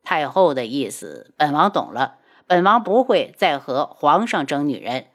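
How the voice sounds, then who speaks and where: A man's voice: fairly high pitch, expressive, normal speed, voice pushed down, close to an everyday voice. A woman voicing a haughty young prince who speaks in a cold, clipped, contemptuous way, in an audiobook drama. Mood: scornful.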